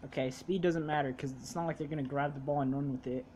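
A young woman giving casual gaming commentary, bossy and teasing as she coaches her sister, sometimes breaking into exasperated yelling. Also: low voice, steady tone, fast talker, slight background noise.

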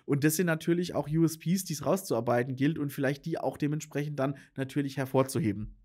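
A man's voice: a little high, quick pace, darkish tone, slightly rough. A man who runs a business consultancy, explaining earnestly and addressing the viewer directly, with frequent fillers and restarts. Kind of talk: explainer monologue to camera.

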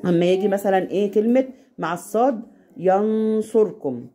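A woman with an Egyptian Arabic accent tutoring a child at home, patient and slowing down to demonstrate recitation. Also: mid-range voice, mellow. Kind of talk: casual home lesson.

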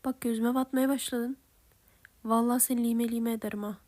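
A woman's voice: on the high side, flat delivery, a little fast, lightly acted. A woman voicing a hot-tempered, protective teenage older brother who barks rude threats. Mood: threatening. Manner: shouting threats, blunt and rude.

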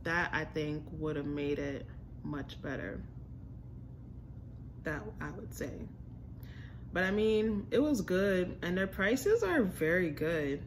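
This food vlogger, a young American woman, speaks to the camera in a loose, slangy, chatty way while reviewing a restaurant. Her lowish voice is expressive and slow, broken by long pauses. The rough recording, made in a home room with a staircase, carries a little hiss or hum.

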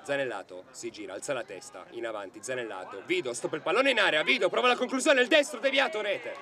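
A man's voice: fairly high pitch, expressive, quick pace. A man giving breathless, urgent play-by-play goal commentary in clipped, repeated phrases. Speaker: football match commentator. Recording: outdoor crowd and ambient noise behind. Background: outdoor football crowd.

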